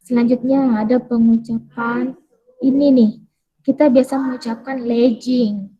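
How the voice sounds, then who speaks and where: A woman gives a casual, chatty English pronunciation lesson, posing questions and answering them herself while slowly repeating words. Her fairly high voice keeps a fairly even intonation, and the audio is dull.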